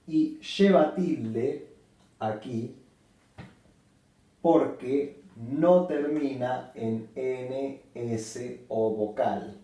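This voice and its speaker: A man teaching a Spanish grammar lesson at a board, speaking slowly and deliberately and repeating each example word. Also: mid-range voice, warm tone, far from the mic. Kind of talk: slow whiteboard grammar lesson. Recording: very echoey room, voice from off the mic.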